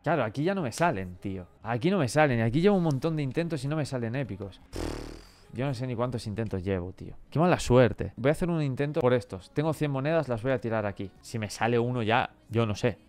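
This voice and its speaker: A young man with a Spain Spanish accent giving casual, excitable commentary on his football game, bursting into shouts at good luck. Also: medium pitch, quick pace, soft background music. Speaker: gaming YouTuber.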